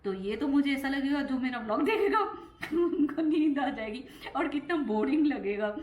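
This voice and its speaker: A middle-aged woman chatting in a casual home vlog; she talks fast, trips over her words and laughs often. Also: high-pitched, animated, darkish tone, echoey room. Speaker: vlogger.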